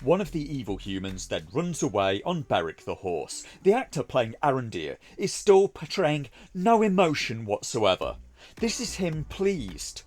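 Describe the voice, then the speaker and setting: A man's voice: mid-range voice, big pitch swings, a little slow, a little mellow. A man delivering a scripted review narration in a mocking, sarcastic manner. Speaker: video reviewer.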